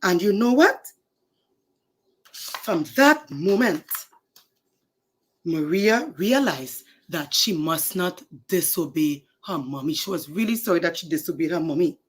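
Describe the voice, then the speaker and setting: Husky woman telling a children's story. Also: fairly low pitch, measured pace. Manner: animated, dramatic, addresses kids directly.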